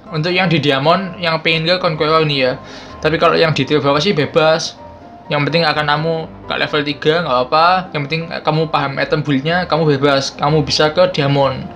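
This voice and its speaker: A man's voice: a little high, a bit bright. A man in his twenties with a speech impediment that blurs his r and l, chatting casually to viewers as a gaming YouTuber. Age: 20s. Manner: chatty, informal, addresses viewers as friends. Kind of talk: casual explainer to camera. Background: background music.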